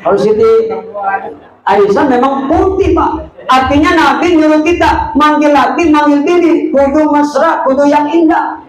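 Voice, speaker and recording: A man's voice: extremely high pitch, normal speed, reverberant, rough recording. An older man preaching a comic sermon, joking and teasing his audience between prayers. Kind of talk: comic sermon at a religious gathering. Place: live religious event, crowd gathering.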